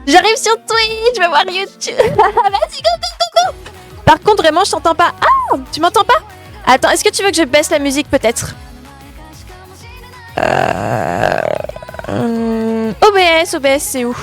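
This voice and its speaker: A woman with a very high, light voice hosts a live stream from her bedroom. She chats with her viewers, greets them by name and talks in quick, self-correcting bursts. Soft music plays faintly behind her. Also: wildly swooping pitch. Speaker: gaming streamer.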